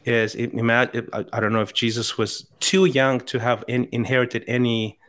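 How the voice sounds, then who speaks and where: A middle-aged Chilean man with a Chilean accent chats casually as a podcast guest, speaking earnestly and often restarting his sentences. His voice is medium-pitched and fairly bright, with a level tone at normal speed.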